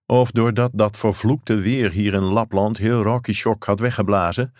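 A man reading a novel aloud as narrator, measured and even. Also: fairly low pitch, no room sound, studio quality. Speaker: audiobook narrator. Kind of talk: scripted narration.

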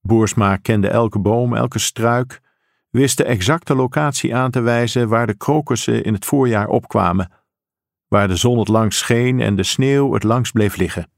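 Gravelly male audiobook narrator. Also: mid-range voice, unhurried, no room sound, studio quality. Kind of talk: scripted narration.

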